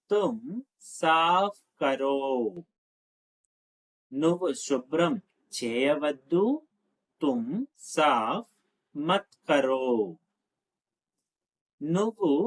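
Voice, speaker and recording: A Telugu-speaking man teaching spoken Hindi, saying each phrase slowly and adding quick asides between the drills. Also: on the high side, low-quality recording. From Telugu-speaking India. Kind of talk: spoken language lesson, slow drill phrases.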